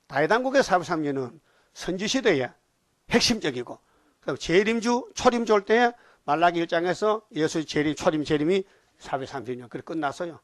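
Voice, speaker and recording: A man's voice: a little high, no room sound, studio quality. An older man with a Gyeongsang accent, preaching a sermon bluntly and questioning his congregation. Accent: Gyeongsang Korean. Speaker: pastor.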